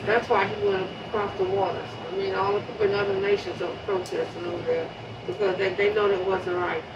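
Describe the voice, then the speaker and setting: A woman's voice: mid-range voice, fairly quick. A woman, a public housing resident, speaking earnestly about a neighbor she remembers and often repeating herself as she goes. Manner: earnest, repeats and restarts words. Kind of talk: emotional spoken remembrance. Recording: distant mic, muffled sound, steady background noise.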